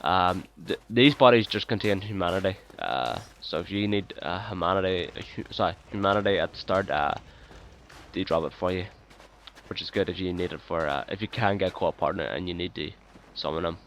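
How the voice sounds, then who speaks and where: A man with a fairly low voice talks through his gameplay in a relaxed, chatty way, pausing often on ums and uhs. He sounds easygoing and quick to apologize. Faint noise sits behind him. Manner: hesitant, full of ums and uhs. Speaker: let's play host. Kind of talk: casual gameplay commentary.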